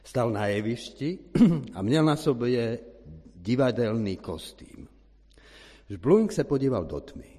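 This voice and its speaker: Male preacher, husky, animated sermon delivery, big church reverb. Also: medium pitch, long pauses. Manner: lively and animated, clears his throat now and then. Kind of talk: sermon with storybook reading.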